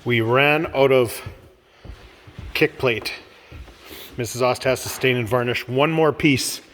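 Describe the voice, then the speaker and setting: A man's voice: mid-range voice, slow, a bit bright, slight background noise. Male vlogger, congested and cheerful, recorded in a roomy space with a long echo. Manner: upbeat and chatty, laughs often. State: stuffed-up nose. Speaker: vlog host. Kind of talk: casual build vlog narration. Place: workshop house under renovation, indoors.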